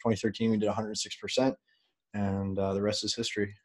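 A man speaking as a podcast guest, telling stories in a relaxed, animated way with plenty of fillers. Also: fairly low pitch, fast. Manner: relaxed, animated, loose with fillers and an occasional curse. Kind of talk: casual interview storytelling.

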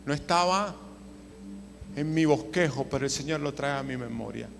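A man preaching a sermon, moving from hushed storytelling to loud impassioned preaching. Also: mid-range voice, normal speed, creaky. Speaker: pastor.

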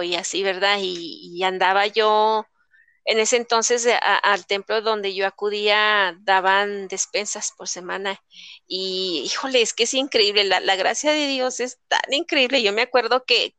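Lady, bright clear voice, telling her own story all animated n casual. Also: mid-range voice, no room sound. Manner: animated storytelling with colloquial slang and sound words. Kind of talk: casual personal testimony in conversation.

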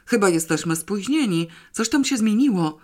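A man's voice: high voice, expressive, moderate pace, darkish tone, pitched above the performer's own voice. A man voicing an impatient, pushy male theatre critic.

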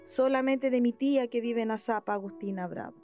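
A woman reading a first-person testimony in a measured, earnest way. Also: a little high. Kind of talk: read testimony. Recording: faint music behind.

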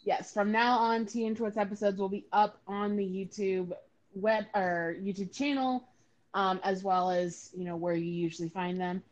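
A woman's voice: medium pitch, steady tone. Giggly woman podcast co-host. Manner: laughs often, quick supportive interjections. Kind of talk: casual podcast chat.

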